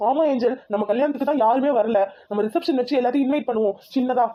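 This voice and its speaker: A woman's voice: fairly high pitch, fast talker, highs cut off, lightly acted. A woman voicing a reassuring young married man in a Tamil cartoon. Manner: reassuring, eager.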